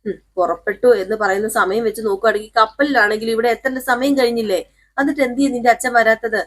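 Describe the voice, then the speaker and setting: A woman voicing a calm elder woman who speaks softly to settle a quarrel. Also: fairly high pitch, quick pace, natural voice. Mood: questioning. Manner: soft, hushing.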